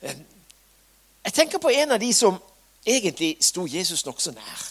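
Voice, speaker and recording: A man preaching a sermon, retelling stories dramatically, swinging from loud cries to soft asides. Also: sits high, huge pitch swings, breathy edge.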